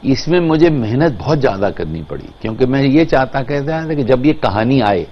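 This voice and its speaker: A man's voice: mid-range voice, expressive, rapid-fire, muffled recording. A man with an Indian accent telling stories as an interview guest, emphatic and switching between languages. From Kashmir, India. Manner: emphatic, mixes Hindi and English.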